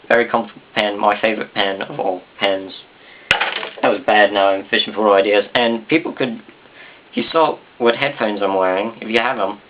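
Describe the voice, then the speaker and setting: A man's voice: fairly low pitch, a little hiss or hum. A man with a Southern US accent rambling casually to the camera in an off-the-cuff, self-deprecating vlog. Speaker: video blogger. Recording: dull, muffled consumer camera sound.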